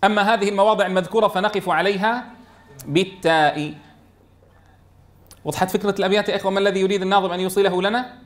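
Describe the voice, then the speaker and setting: A man teaching a tajweed lesson, asking questions and answering them himself, and chanting verse lines slowly. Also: sits high, steady tone. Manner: explains by asking and answering his own questions. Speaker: Quran teacher.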